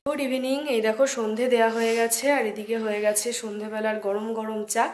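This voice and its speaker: A woman's voice: on the high side, level tone, quick pace, noisy background. A young woman with a Bengali accent narrating her family day in a casual home vlog, talking straight to viewers on a handheld phone camera. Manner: chatty, addresses viewers directly, talks softly at times. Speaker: vlogger.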